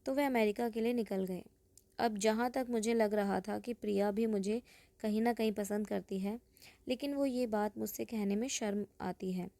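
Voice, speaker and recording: A woman narrating an emotional first-person story in a plain, even storytelling manner. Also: mid-range voice, vocal fry, dry recording.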